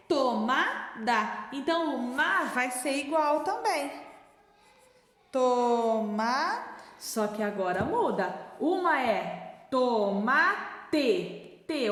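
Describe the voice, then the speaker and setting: A woman teaching a remote early-literacy lesson, sounding out words slowly syllable by syllable in a patient, coaxing way. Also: high-pitched, a bit bright. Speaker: primary school teacher. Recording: echoey room, long reverb.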